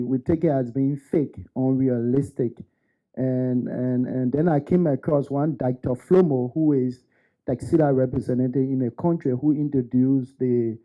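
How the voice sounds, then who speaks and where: A man's voice: mid-range voice, dull audio. A man giving an earnest, unscripted graduation testimonial with frequent stammering restarts. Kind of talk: unscripted ceremony speech.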